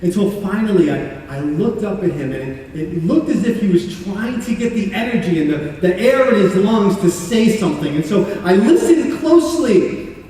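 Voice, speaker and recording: A remorseful condemned criminal, played by a man in a church monologue, speaking earnestly in halting phrases with repeated words. His voice sits high for a man. It rings through a large reverberant hall, picked up from far away. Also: animated, warm tone. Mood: awed confession.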